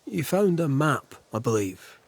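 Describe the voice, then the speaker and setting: A man acting a calm, businesslike ghost hunter in a video game, dry and formal, with a husky voice. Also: a little high, a little slow, dry recording, exaggerated voice. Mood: wry, investigative.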